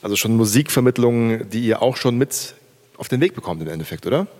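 This concert host, a man with a mid-range, slightly mellow voice, talks briskly with lively intonation. He cheerfully names performers, calls for applause, and interviews a student on stage.

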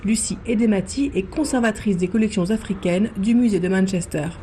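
Woman reporter with a mellow voice. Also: medium pitch, fairly quick, slight background noise. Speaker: radio reporter. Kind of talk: scripted news narration.

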